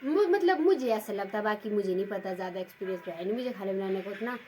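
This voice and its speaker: A woman's voice: mid-range voice, lively intonation, fast, dark tone, faint music behind. A woman with a Himachali Pahadi accent, chatting to her viewers as a village vlogger in a rambling way full of fillers. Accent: Himachali Pahadi Hindi. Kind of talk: casual chat to viewers.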